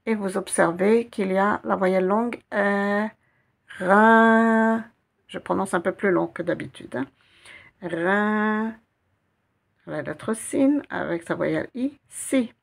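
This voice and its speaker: A woman teaching a slow guided reading lesson, spelling out letters and syllables one by one and repeating each sound. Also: medium pitch, gravelly. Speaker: Arabic teacher.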